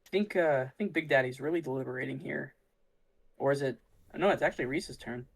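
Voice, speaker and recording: A man's voice: mid-range voice, brisk, vocal fry. Easygoing male card game commentator. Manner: thinks aloud, musing and easygoing. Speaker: tournament commentator. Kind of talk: casual play-by-play commentary.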